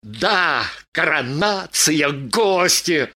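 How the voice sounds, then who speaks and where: A woman's voice: lowish voice, very animated, takes it slowly, fairly bright tone, exaggerated voice. A woman voicing a bitter, confused young warrior man, heavy and sullen in tone.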